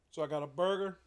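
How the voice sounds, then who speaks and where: Chatty man doing casual game commentary. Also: high-pitched. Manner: chatty, eating while talking, excited outbursts at plays. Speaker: live stream commentator.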